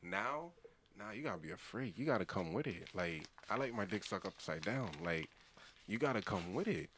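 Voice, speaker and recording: Low-voiced slangy man in his thirties. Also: lively intonation, moderate pace, a bit bright, slight background noise. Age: 30s. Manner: slangy, profane, repetitive. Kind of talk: casual group banter and storytelling.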